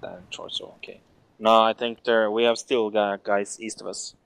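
A man in casual team chatter while playing a military shooter, excitable and prone to swearing. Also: lowish voice, moderate pace, vocal fry, clean tone. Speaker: video game player. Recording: gunfire and clicks behind voice. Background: game gunfire.

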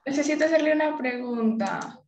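A woman's voice: sits high, brisk, over a noisy crowd. A woman student calling out to her teacher and asking a question over a choppy call connection that keeps breaking up. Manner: calling out repeatedly for attention. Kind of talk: asking a question in an online class.

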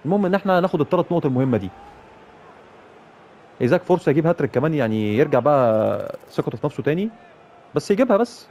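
A man with an Egyptian Arabic accent commentating his own football management game, cheering and shouting at his players. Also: fairly high pitch, lively intonation, very fast, long pauses, lo-fi sound. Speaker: gaming YouTuber playing a football manager career mode. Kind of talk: live gameplay commentary.

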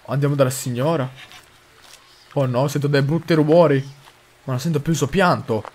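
A young man commenting on a horror game as he plays, excitable, with mild cursing and lots of talk to his viewers. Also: medium pitch, normal speed, a little hiss or hum. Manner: excitable, swears mildly, addresses viewers. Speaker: gaming video host.

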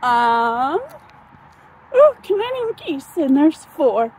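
A woman in her thirties with a high voice films herself on a phone while walking through a sunny park. She talks slowly and wanders from thought to thought, filling gaps with ums and uhs. She has the hiccups as she goes. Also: very animated, darkish tone, poor audio. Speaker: vlogger. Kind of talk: casual walking vlog. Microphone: phone held at arm's length.

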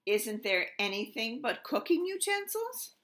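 A woman's voice: on the high side, sing-song, a little slow, a bit bright, voice pushed up. A woman voicing a small, pompous, greedy bird king in a children's storybook reading. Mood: scornful. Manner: pompous, proclaiming.

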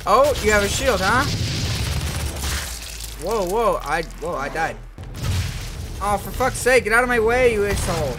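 A man doing let's play commentary, loud and brash with profane trash talk at the enemies. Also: high-pitched, lively intonation, unhurried, long pauses. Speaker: gamer. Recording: commentary over game music.

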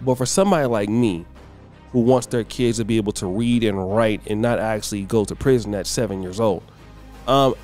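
A middle-aged man hosts a commentary channel, delivering a blunt, preachy opinion monologue in a darkish tone. His pitch climbs whenever he gets worked up.

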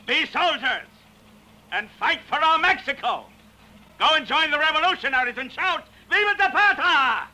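An actor dubbing a cunning Mexican army captain who gives orders in a cold, commanding way. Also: male voice, medium pitch, big pitch swings, normal speed, bright, forceful tone, rough recording. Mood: rousing. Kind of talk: dubbed film acting.

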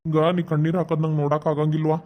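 A man voicing a loving, gentle father in a cartoon, coaxing and advising tenderly with a North Karnataka Kannada accent. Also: a little high, completely flat delivery, racing, muffled recording, slight background noise, close to an everyday voice. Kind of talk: cartoon voice acting.

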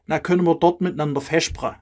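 A woman with a Swabian accent chats in a friendly way in a staged everyday conversation. Her voice is fairly low for a woman. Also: steady tone, quick pace, dark tone. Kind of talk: acted dialect dialogue.

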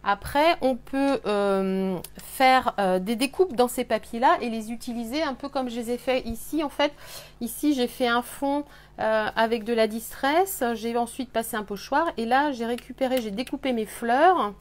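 A woman hosting a live scrapbooking workshop, explaining techniques with many pauses and fillers. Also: a little high. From France. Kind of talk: live craft demonstration. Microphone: webcam on a live stream.

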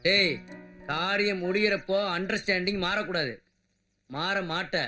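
A man's voice: high-pitched, a little slow, bright, forceful tone, faint music behind, heavily acted. A brash, threatening henchman. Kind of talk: dubbed film acting.

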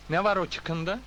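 An actor playing a stubborn, dry-witted village bachelor who teases in a dry way, in a 1980s film comedy. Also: male voice, high voice, fairly bright tone, muffled recording, slight background noise, exaggerated voice. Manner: dry, teasing. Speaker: village man.

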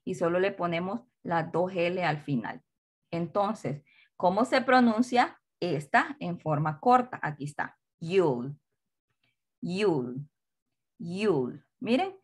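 A woman's voice: lowish voice, expressive. A woman teaching English to secondary school pupils. She explains patiently, switches between two languages and repeats each pronunciation again and again. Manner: slow, repetitive drilling of pronunciation. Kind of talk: recorded classroom lesson.

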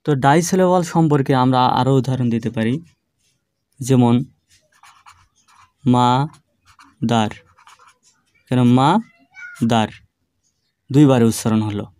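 A man teaching an online grammar lesson, explaining patiently and drawing words out slowly, syllable by syllable. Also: medium pitch, lively intonation, dark tone, no room sound. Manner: slow, drawn-out syllable-by-syllable demonstrations; patient, explanatory classroom delivery.

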